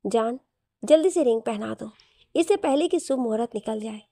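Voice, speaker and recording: A hot-tempered young prince who protests and pleads with his father, as a woman storyteller plays him. Fairly high and mellow, recorded close and dry. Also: animated, moderate pace, dry recording. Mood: teasing. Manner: protesting, indignant.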